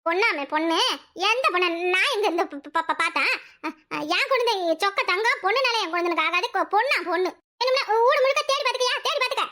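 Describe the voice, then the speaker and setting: A woman gives a heavily acted cartoon performance as a quarrelsome, sharp-tongued village housewife. Her Kanyakumari Tamil-accented scolding is rapid, very high-pitched and lively in intonation.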